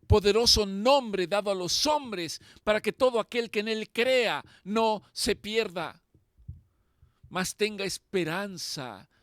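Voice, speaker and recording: Male pastor, high and slow, fervent emphatic preaching, dry close mic. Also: lively intonation, fairly bright tone, dry recording. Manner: impassioned preaching, slow and emphatic with repeated phrases. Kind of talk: sermon.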